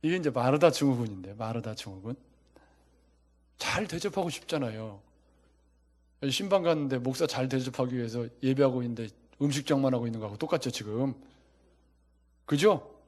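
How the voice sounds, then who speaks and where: A male pastor delivering a sermon in an animated, conversational way. He keeps asking the congregation questions. His voice sits at an ordinary mid pitch. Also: a little fast, pauses often.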